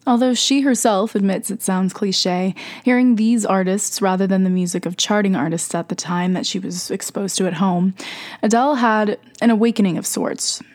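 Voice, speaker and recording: A woman's voice: mid-range voice, steady tone, moderate pace, hardly any pauses, a little mellow. A young woman hosting a radio music show with scripted commentary, sounding congested with a sore throat and a stuffy nose.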